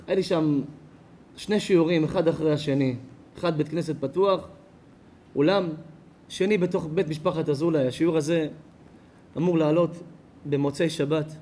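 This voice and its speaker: Rabbi, high-pitched, passionate preacher; surges to loud emphasis, then sinks to soft, personal storytelling. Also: male voice, fairly even intonation, long pauses. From Israel. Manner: impassioned, swells loud on key phrases, then drops quiet and intimate. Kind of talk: ethics sermon to a congregation. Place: lecture before a live audience.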